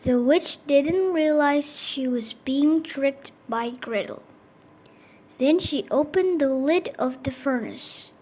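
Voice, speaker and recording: A woman narrating a children's fairy tale in a slow, even reading voice. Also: high voice, low-quality recording. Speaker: storyteller. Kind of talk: scripted storybook narration.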